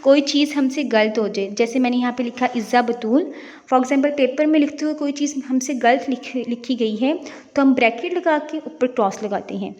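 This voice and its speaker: A woman's voice: sits high, moderate pace, darkish tone, big-room sound, muffled recording. A young woman who hosts a channel, explaining a writing lesson step by step with examples. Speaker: teacher and channel host.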